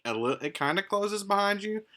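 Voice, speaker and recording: A man's voice: sits high, expressive, brisk, bright, forceful tone. A man narrating as game master of an online tabletop game, describing scenes unhurriedly with fillers.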